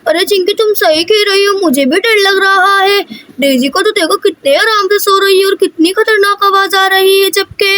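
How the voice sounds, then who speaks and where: A woman puts on frightened little girls in a doll story, squealing and calling out in panic. Their voices are shrill and pitched very high. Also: fairly even intonation, moderate pace, no room sound. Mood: scared. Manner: squealing, panicky, shouting for mom.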